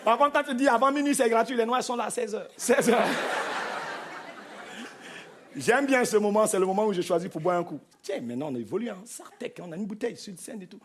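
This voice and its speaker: A male stand-up comedian performing an animated, playful set, bantering with the crowd and slipping into mock accents. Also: sits high, quick pace, hardly any pauses. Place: large theater stage before a live audience. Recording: live concert recording with crowd noise. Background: audience laughter and noise.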